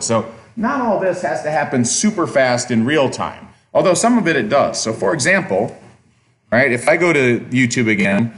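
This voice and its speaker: A mid-range male voice delivers a recorded college lecture in a casual way. He thinks out loud while clicking through examples on screen.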